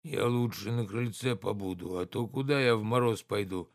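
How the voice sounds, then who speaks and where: Man voicing old manservant, grumbling, lazy, drawling, low voice. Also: vocal fry, dry recording, clean studio sound. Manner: drawling, reluctant, slow.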